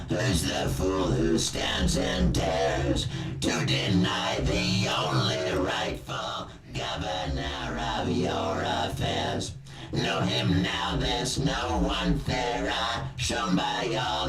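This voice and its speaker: Male vocal sample, clangy robot ring-mod treatment, gravelly edge, heard over loud music. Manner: slow, drawn-out singing with wide pitch leaps. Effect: ring-modulated clangy robot voice. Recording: roomy and distant under loud music.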